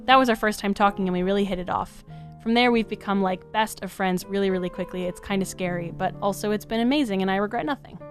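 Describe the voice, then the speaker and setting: A woman's voice: mid-range voice, fast, soft background music. A woman co-hosting a podcast, chatting casually with lots of fillers and reading old messages aloud. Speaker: podcast co-host.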